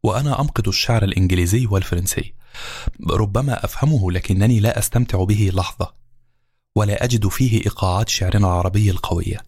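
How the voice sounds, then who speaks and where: A man narrating a novel in a calm, measured storytelling voice. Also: fairly low pitch, breathy edge, no room sound, studio quality. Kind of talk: audiobook narration. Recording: narration over background music.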